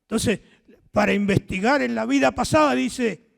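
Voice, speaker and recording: An older man from Argentina with an Argentine accent and a hoarse voice, preaching a sermon as pastor, telling stories and acting out the dialogue. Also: very high voice, moderate pace, big-room sound. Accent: Argentine Spanish. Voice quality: hoarse, gravelly voice. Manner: storytelling, acts out dialogue, asks the audience questions.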